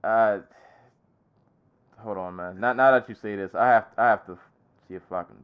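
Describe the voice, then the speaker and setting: Laid-back man, low voice. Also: normal speed, fairly bright tone, clean tone. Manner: laid-back, laughs a lot, high laugh. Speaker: podcast co-host. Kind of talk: casual chat.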